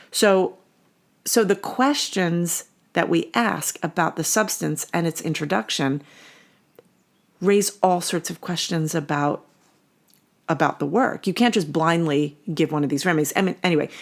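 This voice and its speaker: A woman co-hosting a podcast, chatting in an animated way and laughing easily. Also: lowish voice. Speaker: podcast co-host. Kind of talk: casual conversational podcast chat.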